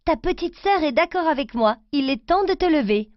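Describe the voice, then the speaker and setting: A woman voicing a gentle, caring mother in a children's storybook reading, with soft motherly lines. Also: sits high, animated, moderate pace, no room sound, highs cut off. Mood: cheerful.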